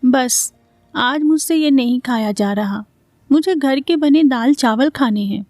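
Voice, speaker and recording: A woman's voice: sits high, measured pace, darkish tone, no room sound, faint music behind. A woman voicing a weary, fed-up young man of the house.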